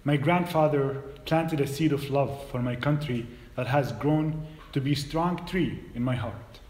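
Palestinian man telling his story in a hall. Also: mid-range voice. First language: Arabic. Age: 30s. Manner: measured, hesitant at first then steady storytelling. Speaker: guest speaker. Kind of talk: personal story talk. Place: church hall. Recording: roomy hall echo.

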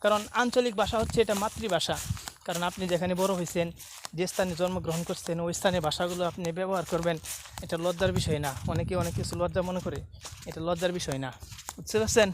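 A man's voice: high voice, steady tone, fast talker, background noise. A man from Mymensingh with a Mymensingh Bengali accent, walking outdoors by fields and a dry canal and chatting casually to a phone camera, repeating himself and mixing dialect with standard speech. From Mymensingh, Bangladesh. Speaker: vlogger.

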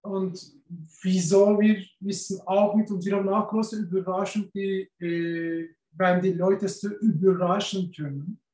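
A man, answering interview questions over a video call, often pausing and searching for words. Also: sits high, fairly even intonation, darkish tone, a little hiss or hum. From Turkey. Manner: searching for words, many pauses and fillers. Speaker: festival organizer. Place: indoor office with film posters. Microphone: webcam on a video call. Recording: echoey room.

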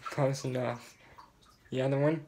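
A man's voice: mid-range voice, steady tone, a little slow, vocal fry, background noise. A young man chatting casually to camera as a vlogger, recorded on a handheld phone in a small home bathroom.

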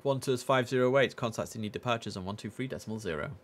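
Keyboard clicks fill a noisy room at a home streaming setup, where a young man with a medium-pitched voice talks fast. He mutters casual commentary on his game, then shifts into clipped air traffic controller phrasing.

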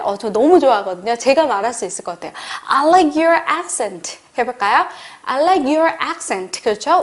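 Upbeat high-pitched female English tutor, animated delivery, slow repetition drills. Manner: lively, encouraging, drills phrases slowly for repetition; acts out casual Korean example lines. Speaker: English teacher. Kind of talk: online English lesson.

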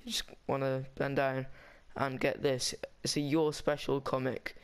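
Dude rambling through a game walkthrough, smooth clear voice, pretty flat delivery. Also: male voice, medium pitch, a little slow. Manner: rambling, chatty, with frequent restarts. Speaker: gaming guide maker. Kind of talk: casual game walkthrough voice-over.

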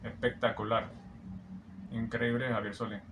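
With a song playing and a noisy background, a vocal coach offers reaction and analysis commentary on a singer. He speaks at medium pitch in a level tone, a little slowly, admiringly explaining technique and often singing snippets back.

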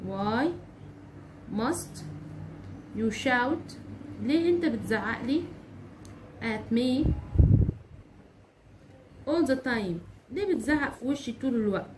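A woman teacher with an Egyptian Arabic accent explaining English grammar, saying example sentences slowly and repeating them. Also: on the high side, noisy background. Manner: slow drawn-out English examples, repeats phrases, asks rhetorical questions.

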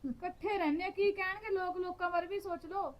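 A woman with a Punjabi accent playing a patient young daughter-in-law who soothes softly and keeps the peace. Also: very high voice, steady tone, brisk, highs cut off. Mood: pleading. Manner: soft, placating. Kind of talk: village family drama acting.

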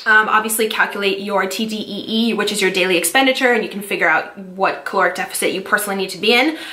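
Fast, chatty fitness vlogger woman. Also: mid-range voice, sharp tone, reverberant. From California. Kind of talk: casual product-review vlog.

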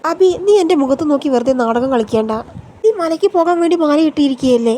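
Sharp young wife snapping back, high voice, as a woman reads her. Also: animated, fast talker, slight background noise. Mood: accusing. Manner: sharp accusing retorts. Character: pregnant young wife, accusing and wounded.

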